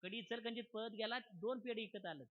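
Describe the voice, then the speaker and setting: A man's voice: high-pitched, fairly quick. Folksy kirtan preacher, man. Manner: folksy, keeps checking the crowd follows. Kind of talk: humorous devotional sermon. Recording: dull lo-fi recording.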